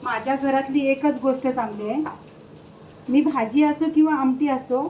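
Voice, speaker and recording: A woman casually vlogs from her home kitchen while cooking, chatting with viewers and with her pets, and she slips into a high sing-song baby talk for the animals. Her intonation is fairly even, her pace moderate, and her tone warm. The phone is held or propped as she cooks, giving a roomy, distant, rough recording with a little hiss or hum.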